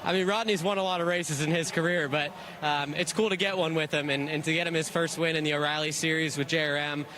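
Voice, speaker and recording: A man's voice: on the high side, fairly even intonation, quick pace, hardly any pauses. Upbeat young man, noisy trackside interview. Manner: breathless, upbeat, repeats words. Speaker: race winner interviewed. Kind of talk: post-race interview. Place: outdoors at a racetrack.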